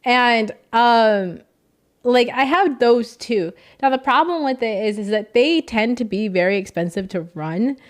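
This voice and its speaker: A woman's voice: on the high side, animated, measured pace. A young woman streamer talking casually and emotionally to her chat, rambling and thanking viewers.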